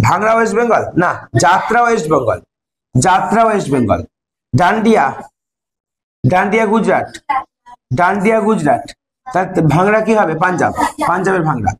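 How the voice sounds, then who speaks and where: A man's voice: high-pitched, very animated. A man teaching an English lesson, explaining step by step, asking questions and answering them himself. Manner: reads English sentences slowly, then translates. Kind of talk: classroom lesson in Bengali.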